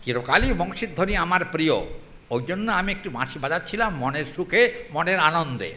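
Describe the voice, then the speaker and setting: A man plays a coy young cowherd god who dodges questions with a teasing sweetness. The voice sits high and bright, with lively swings of pitch. It is religious storytelling, told in a playful way. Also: a little fast. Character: playful young male divine cowherd flute player.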